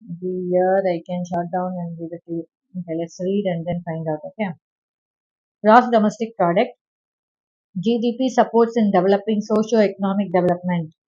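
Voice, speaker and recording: A woman teacher reading a textbook aloud and dictating answer points to her students, with quick asides between passages. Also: fairly low pitch, fairly even intonation, dark tone. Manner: reads text aloud, then gives quick asides to students. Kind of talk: classroom lesson dictating notes. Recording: dull lo-fi recording.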